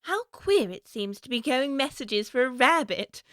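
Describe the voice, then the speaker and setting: A woman's voice: high-pitched, expressive, unhurried, fairly bright tone, dry recording, studio quality. A woman playing Alice, a curious young girl chattering away to herself in a prim, wondering way, for a full-cast audiobook. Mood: musing.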